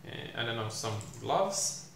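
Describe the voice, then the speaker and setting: A young man teaching programming while he codes, thinking aloud with many fillers and pauses, recorded in a small room. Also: mid-range voice, sing-song, vocal fry. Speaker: programming tutor. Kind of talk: live coding explanation. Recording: echoey room, faint hiss.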